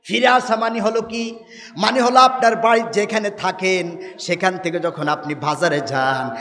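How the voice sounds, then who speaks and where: A man's voice: high voice, echoey room, in a large hall. A man preaching to a gathering, calling on the crowd to answer back and chanting verses in a sung tone. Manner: call-and-response, urging crowd to shout. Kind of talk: Islamic sermon (waz).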